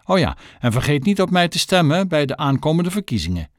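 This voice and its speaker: A vain, pompous mother with an affected, posh manner , voiced by a man reading aloud. She speaks well above a normal register, her pitch swooping eagerly. The dry, close sound keeps every fussy syllable plain. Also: sing-song, a little fast, dry recording. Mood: self-satisfied. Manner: snobbish, affected phone voice.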